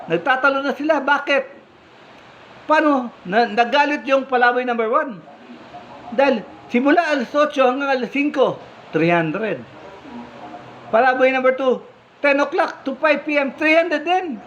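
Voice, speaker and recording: A man's voice: very high voice, lively intonation, measured pace, long pauses, fairly bright tone. A man preaching, retelling a parable in a conversational way and posing rhetorical questions to his listeners. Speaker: preacher and blogger. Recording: slightly muffled, faint background hum.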